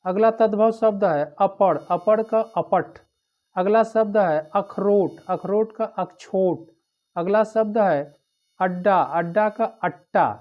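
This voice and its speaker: Slow-spoken male teacher, lo-fi. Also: high voice. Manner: repetitive drilling of word pairs. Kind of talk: exam-prep lecture. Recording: dull lo-fi recording.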